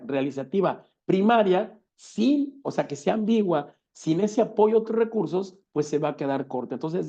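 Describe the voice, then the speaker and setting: A man's voice: fairly high pitch, vocal fry, mellow. A man lecturing on law, explaining step by step, asking rhetorical questions and repeating key words. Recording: dull lo-fi recording.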